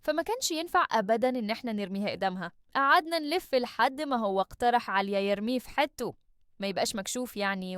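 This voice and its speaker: Fast-talking Egyptian woman storyteller. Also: a little high, clean tone, no echo, studio quality. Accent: Egyptian Arabic. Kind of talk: first-person story narration.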